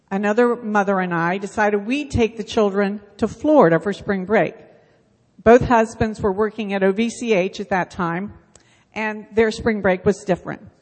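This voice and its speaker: Holding a microphone in the church sanctuary, a middle-aged woman in charge of the Bible school gives a relaxed announcement and talk at medium pitch. She tells chatty stories at her own expense, and her words ring with the hall's long reverb.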